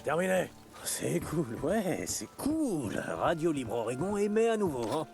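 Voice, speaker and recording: An actor playing a gruff, blunt, sardonic biker survivor with a gravelly voice in a video game. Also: male voice, fairly high pitch, huge pitch swings, a little slow, darkish tone, faint music behind, heavily acted. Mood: brisk, gruff. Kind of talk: video game acting, radio exchanges. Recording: clear engine and vehicle noise.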